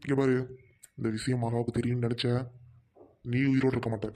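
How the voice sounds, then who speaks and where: A man's voice: mid-range voice, level tone, a little fast, dark tone, lightly acted. A man playing a greedy, menacing village husband. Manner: gruff, menacing orders. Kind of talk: amateur family drama acting.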